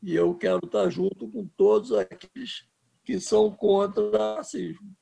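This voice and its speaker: A man's voice: high-pitched, fairly even intonation, moderate pace, vocal fry, warm tone, husky, faint music behind. A man in his seventies from Brazil, a filmmaker speaking in an interview with impassioned, emphatic talk. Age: 70s. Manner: impassioned, emphatic, restarts words. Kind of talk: political interview.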